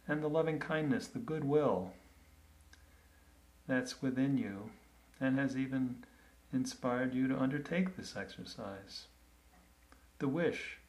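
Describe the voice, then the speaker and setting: A man leading a guided meditation in a calm, gentle, unhurried way, with long pauses between phrases. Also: mid-range voice, poor audio.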